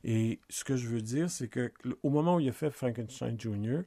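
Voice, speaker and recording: Gravelly, mellow-voiced Quebec man. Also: medium pitch, fairly quick, dry recording, studio quality. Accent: Quebec French. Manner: hesitant, many restarts and fillers. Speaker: podcast co-host. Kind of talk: casual film discussion.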